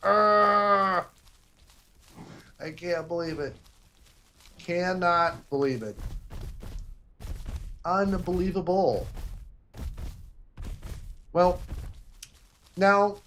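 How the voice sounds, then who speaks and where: A young man livestreams himself playing a game, talking slowly in a voice a bit higher than most men's. He rambles in a self-deprecating way and mutters to himself, with a faint hiss of noise underneath. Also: bright, forceful tone. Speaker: gaming livestreamer. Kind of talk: casual livestream commentary.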